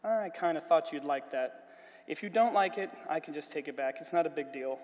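A man reading the part of a grumpy, lonely green hermit, in a gruff and hesitant manner. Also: on the high side, fairly quick, a little mellow, big-room sound, close to an everyday voice.

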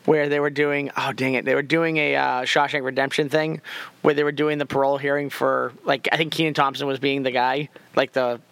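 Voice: medium pitch, flat delivery, fairly quick, vocal fry, a bit bright, smooth, no room sound. A podcast co-host in casual chat who laughs often and acts out quoted lines while retelling scenes.

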